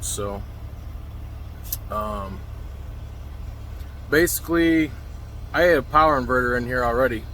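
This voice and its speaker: Inside a semi truck cab, a truck driver films a DIY install video, talking casually and without a script as he walks through the how-to on a handheld recording. His mid-range voice is bright and forceful, and he rambles in a plain-spoken way. There's slight background noise.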